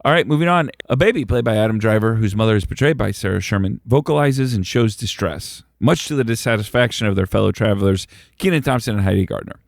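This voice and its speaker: A man's voice: fairly low pitch, fast, vocal fry, dry recording, clean studio sound. A man co-hosting a podcast, reading out sketch summaries and chatting casually about them. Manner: reads sketch summaries, then chats loosely. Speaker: podcast co-host. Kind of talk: casual chat recapping sketches.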